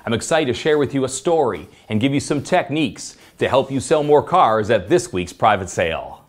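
A man's voice: medium pitch, moderate pace. A man who runs a sales company, giving an upbeat motivational sales lesson and acting out lines he uses with customers. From Canada. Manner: enthusiastic, animated, acts out customer quips.

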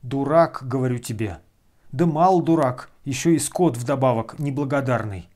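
A man voicing a brash, abusive freeloader who shouts and hurls insults. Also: mid-range voice, moderate pace, natural voice.

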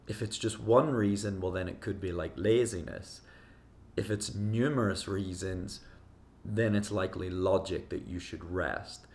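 Hoarse, congested Irish man. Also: low voice, unhurried, a little mellow. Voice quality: nasal. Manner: conversational, rambling with fillers. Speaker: runner vlogger. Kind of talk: casual vlog.

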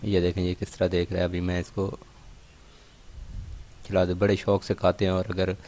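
Male bird-keeping vlogger, deep voice, near-monotone, steady and instructional, points things out to camera. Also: moderate pace, slight background noise. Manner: steady explanatory, repeatedly pointing things out to viewers. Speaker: bird keeper showing partridge care. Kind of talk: instructional demonstration vlog.

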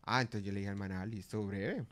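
A man with a Colombian accent hosts a comedy radio show, telling stories in a bright, ringing voice. He acts out the people in his tales as he goes, all in his own voice. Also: on the low side, a little fast. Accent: Colombian Spanish. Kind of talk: comic storytelling. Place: radio studio.

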